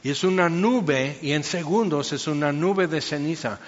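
A man's voice: fairly high pitch, moderate pace, lo-fi sound. Chatty man teaching in an echoey hall. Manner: chatty, storytelling with quoted voices and fillers. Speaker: Bible teacher. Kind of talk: informal Bible teaching.

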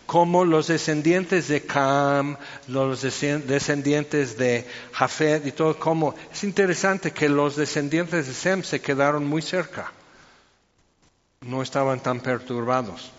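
A man's voice: fairly high pitch, in a large hall, lo-fi sound. A man giving informal Bible teaching, chatty and storytelling, full of fillers.

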